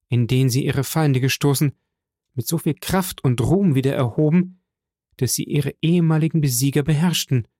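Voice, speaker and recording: A man's voice: medium pitch, mellow, no echo, studio quality, lightly acted. A man voicing a proud, resolute young male aristocrat in an audiobook.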